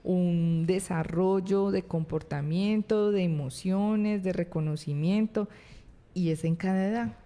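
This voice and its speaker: A woman's voice: on the low side, measured pace, warm tone. A woman psychologist with a Colombian Spanish accent, explaining parenting advice as a talk-show guest and often checking in with short questions. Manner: explanatory, acts out child and parent voices, frequent tag questions.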